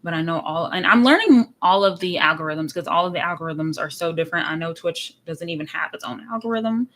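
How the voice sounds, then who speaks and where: A woman in her late twenties from Texas, chatting casually and warmly on her first livestream, repeating words like so and like as she talks. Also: fairly low pitch, a little fast. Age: late 20s. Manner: chatty, bubbly, many repeats of so and like. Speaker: anime reaction streamer. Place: at home in front of a camera.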